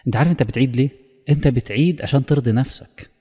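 Man, Egyptian accent, preacher, rapid delivery, warm dark tone, long reverb. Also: mid-range voice, slightly rough. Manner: lively storytelling that acts out dialogues. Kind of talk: religious lesson.

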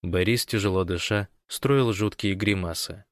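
A man narrating an audiobook in an even, measured reading. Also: sits low, no room sound, studio quality.

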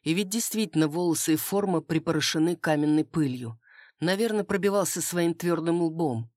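A woman narrating a first-person fantasy audiobook in a steady storytelling manner. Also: low-pitched, normal speed, no room sound, studio quality.

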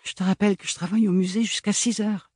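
A man voicing a reserved, bespectacled young woman who speaks in a flat, professional tone in an audiobook. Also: high-pitched, fast talker, dry recording, studio quality, pitched above the performer's own voice. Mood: flat, curt.

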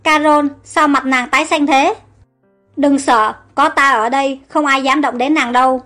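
A fierce young prince with a quick temper, read by a woman narrator issues blunt threats. Her voice stays high throughout. Soft music runs behind the storybook reading. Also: fairly even intonation. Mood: reassuring. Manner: angry, threatening.

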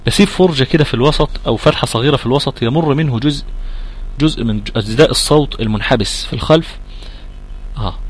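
A man with an Egyptian accent teaching Quran recitation, patiently explaining and repeating points and sounding out letters slowly as he answers student questions. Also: mid-range voice, husky, rough recording. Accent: Egyptian Arabic.

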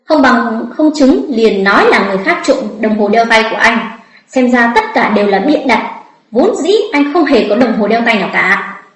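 A sharp-tongued young woman, voiced by a woman narrator, shrieks and scolds at high pitch. Her words tumble out fast and loud. The recording carries a roomy echo. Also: lively intonation, close to an everyday voice. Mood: angry scolding. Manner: shrill, rapid scolding.

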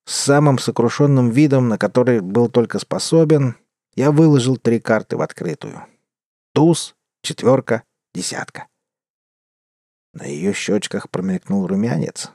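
A man reading a western adventure story aloud in an expressive first-person narration. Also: mid-range voice, measured pace, no room sound, studio quality. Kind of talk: audiobook narration.

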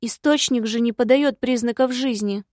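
A woman voicing a spirited young heroine in an audiobook, brisk and insistent. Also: on the high side, darkish tone, dry recording, clean studio sound, close to an everyday voice. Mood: pressing.

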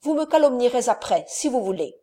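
A woman reading the part of a young wronged countess in an audiobook, with a firm, measured voice. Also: on the high side, very animated, dark tone. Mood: reproachful.

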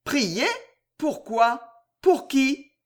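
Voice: mid-range voice, very animated, slow pace. A reader voicing a proud, restless young woman who questions her own heart, in an audiobook. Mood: astonished. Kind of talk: audiobook reading.

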